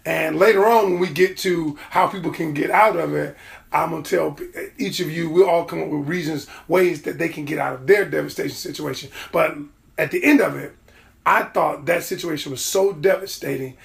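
A man's voice: fairly high pitch, brisk, creaky. A man hosting a motivational podcast, telling his story in an earnest, conversational way. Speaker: podcast host.

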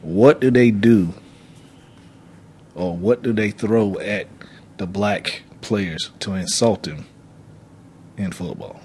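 A man co-hosting a casual podcast, making his points patiently between steady agreement. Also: fairly low pitch, slow pace, pauses often, slight background noise. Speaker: podcast co-host.

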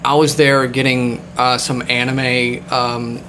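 A man's voice: mid-range voice, little pitch movement, slow, background noise. A man hosting a casual podcast chat, rambling with many fillers and the odd swear word. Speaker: podcast host.

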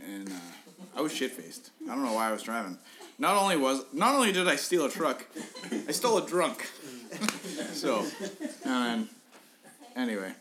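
A man's voice: medium pitch, sing-song, normal speed, long pauses, sharp tone. A young man on a podcast telling a funny story in a casual way, swearing often, laughing at his own story and often restarting his sentences. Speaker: podcast co-host.

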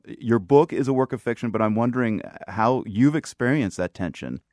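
A man hosting a radio news program, reading his narration and interviewing with a steady, clear delivery. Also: medium pitch, normal speed, no echo, clean studio sound. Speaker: radio host.

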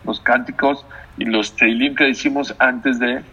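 Gravelly, emphatic rabbi preaching. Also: male voice, mid-range voice, fairly even intonation, a little slow, pushed and bright, highs cut off. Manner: emphatic, repeats phrases, asks the audience questions. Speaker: rabbi, religious teacher. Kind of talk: sermon.

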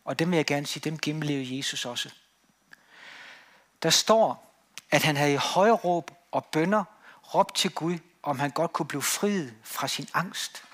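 A man preaching a sermon in a church, emphatic on key words and then dropping quiet. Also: fairly high pitch.

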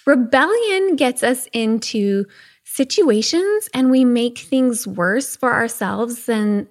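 A woman's voice: a little high, expressive, takes it slowly. A woman hosting a teen coaching podcast, recording from under a blanket in an empty home office. She talks in a chatty way and keeps checking in with "okay?". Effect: recorded under a blanket, muffled. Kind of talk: casual solo podcast talk.

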